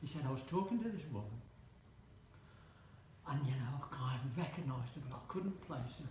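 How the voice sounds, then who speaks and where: A man's voice: mid-range voice, expressive, a little fast, darkish tone. A man in his seventies giving a wedding speech, with dry, self-mocking humour and teasing asides to the couple. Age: 70s. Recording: roomy hall with faint noise.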